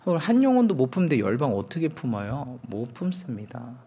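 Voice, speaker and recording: A man's voice: mid-range voice, big pitch swings, a little fast, creaky, mellow, husky. A man in his thirties, a pastor preaching a sermon, telling candid self-mocking stories and acting out quotes.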